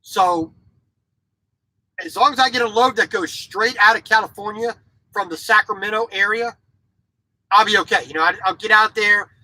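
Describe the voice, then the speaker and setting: Speaking at normal speed with frequent pauses, this truck driver in his forties has a high, bright, forceful voice, captured in a dry, low-quality recording. He vlogs from his cramped sleeper cab and grew up in Japan as a military child. His casual monologue is blunt and opinionated, with words repeated and lines restarted.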